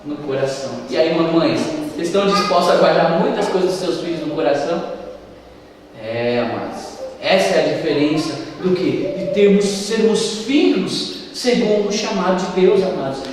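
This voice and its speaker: A man preaching a sermon in an animated, conversational way, often addressing listeners as beloved. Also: fairly high pitch, moderate pace, crowd noise. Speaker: pastor. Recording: echoey hall from far off with faint noise.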